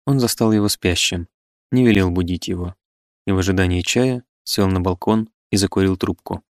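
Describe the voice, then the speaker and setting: A man reading scripted literary narration of a classic novel in a measured, even storytelling manner. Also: deep voice, dry recording. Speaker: audiobook narrator.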